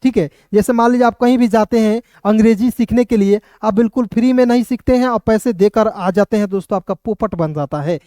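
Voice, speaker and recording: A man from India teaching an online spelling lesson, spelling out letters slowly and asking questions that he answers himself. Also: high voice, warm tone, no room sound, studio quality. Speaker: English teacher.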